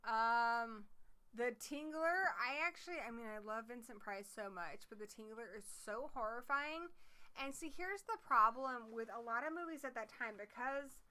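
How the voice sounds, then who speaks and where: A woman with a bright, sharp voice sitting a little high in pitch. She co-hosts a casual livestream, and her talk is eager and peppered with swearing. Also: animated, moderate pace, clear, resonant tone. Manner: enthusiastic and profane, swears freely. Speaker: horror livestream co-host. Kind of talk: casual chat.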